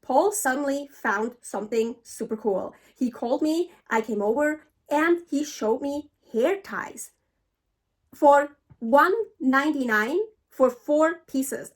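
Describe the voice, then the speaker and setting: A woman's voice: high voice, lively intonation, takes it slowly. A middle-aged woman from Switzerland talking casually to the camera in a travel vlog, chatty and frank, swearing freely. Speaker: travel vlogger.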